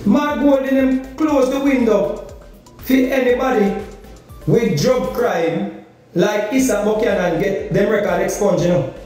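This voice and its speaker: Holding a phone out at arm's length, a middle-aged Jamaican political vlogger rants insistently about politics indoors in a kitchen or room, repeating himself for emphasis and throwing out rhetorical questions. His high, darkish voice is unhurried and slightly distant from the mic, with heavy room echo and faint music beneath.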